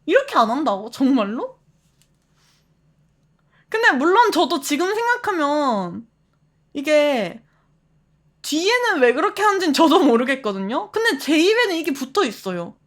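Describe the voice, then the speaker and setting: 활기찬 높은 목소리의 여성 스트리머. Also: female voice, sits high, moderate pace, long pauses. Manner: animated, laughs often, reads chat aloud. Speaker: streamer. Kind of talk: casual live-stream chat with viewers.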